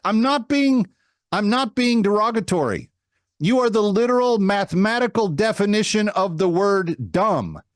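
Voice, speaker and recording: Male political host, slightly high voice, dry studio sound. Mocking, emphatic monologue delivery. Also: dry recording. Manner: mocking, emphatic, with repetition for effect. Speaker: political talk show host.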